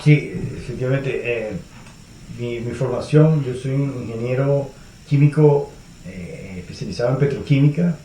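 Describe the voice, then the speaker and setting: A Venezuelan man with a Venezuelan accent, a guest answering interview questions in a measured way, with frequent hesitations. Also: medium pitch, mellow, a little hiss or hum. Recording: echoey room.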